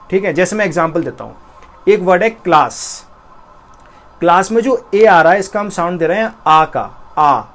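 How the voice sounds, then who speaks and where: A young man with an Indian accent and a high-pitched voice teaches a spoken English lesson. He explains patiently, step by step, and says each example slowly, often twice.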